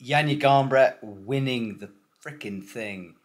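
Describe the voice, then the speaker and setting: A man in his thirties, a climbing commentator, talking casually to a camera held at arm's length, chatty and upbeat by day and quieter when tired. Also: mid-range voice, slow. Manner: chatty and upbeat, flat and tired late at night. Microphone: handheld camera at arm's length.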